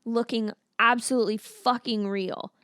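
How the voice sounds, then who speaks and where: A woman with a fairly high voice talks casually as a movie-review podcast co-host. She is chatty and opinionated and swears now and then, all on a dry, close mic. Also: fairly even intonation, normal speed, pushed and bright, clear, resonant tone, no echo.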